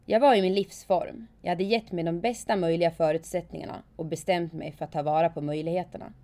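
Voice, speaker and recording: Woman narrator, low and mellow, calm first-person storytelling. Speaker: former alpine skier telling her story.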